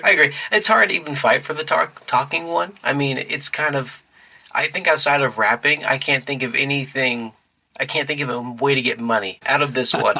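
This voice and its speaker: Gravelly, very bright-voiced male host. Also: mid-range voice, fairly quick, poor audio. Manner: laid-back, laughs between questions. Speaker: podcast host. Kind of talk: casual chat.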